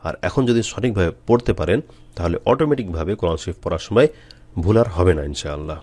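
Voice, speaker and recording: A man teaching Quran reading, slowly spelling out Arabic letters and drilling the long vowels with patient repetition. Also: low voice, animated, a little mellow, no room sound.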